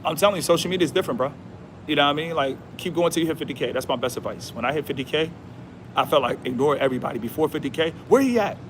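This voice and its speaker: A man livestreaming outdoors with a slightly high-pitched voice. He talks in a slangy, emphatic, repetitive way and keeps calling the viewer "bro." Faint traffic noise hums behind him. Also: very fast, a bit bright. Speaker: livestream host. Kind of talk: casual livestream monologue.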